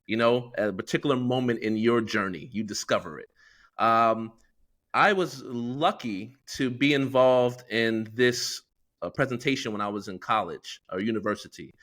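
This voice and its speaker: In a laid-back podcast conversation, a middle-aged American co-host talks at a normal speed with a medium pitch and a somewhat bright tone. He comes across as earnest and thoughtful, using many fillers.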